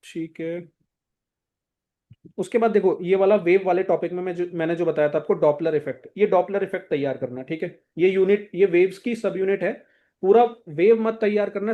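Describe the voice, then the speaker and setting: A man's voice: high voice, a little fast, narrow, tinny audio. A young man coaching students for an exam, going through textbook chapters in a casual, directive way and often checking in with his listeners. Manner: casual, directive, repeats "thik hai" to check in. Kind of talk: exam-prep lesson walking through a textbook.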